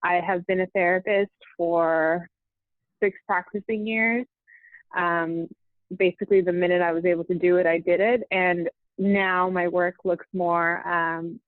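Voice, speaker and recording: A young woman from California, a therapist guest in a podcast interview, speaking thoughtfully with frequent pauses. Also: fairly low pitch, no room sound. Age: young adult. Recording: dry phone-like remote line.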